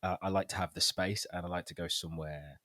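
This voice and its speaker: A man's voice: low-pitched, fairly even intonation, fast, bright, forceful tone, no echo. A man co-hosting a fitness podcast in casual chat, a trainer who laughs often and tells loose stories.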